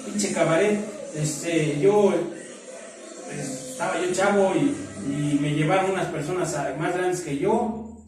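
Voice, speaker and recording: A middle-aged man with a Mexican accent telling his own story at a recovery meeting in rough, slangy talk, acting out the friends he quotes. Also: a little high, measured pace, distant mic. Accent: Mexican Spanish. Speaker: AA group member sharing testimony. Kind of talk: personal testimony at a recovery meeting. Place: meeting room. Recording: very echoey room, speaker off-mic, faint music.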